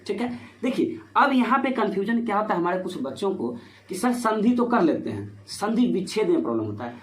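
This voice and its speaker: A man explains grammar rules for exam students in a lesson, his voice sitting high for a man. He keeps posing rhetorical questions and answering them himself. The room adds a clear echo, with a faint hiss underneath. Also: very animated, fairly quick. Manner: repetitive rhetorical questions, "ठीक है" fillers. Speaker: Hindi grammar teacher. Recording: echoey room with faint noise.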